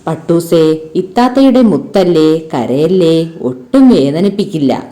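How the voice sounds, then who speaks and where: A woman's voice: fairly low pitch, expressive, slow pace, warm tone. A woman doing a fretful protective little girl. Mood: tender. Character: caring little girl, anxious big sister.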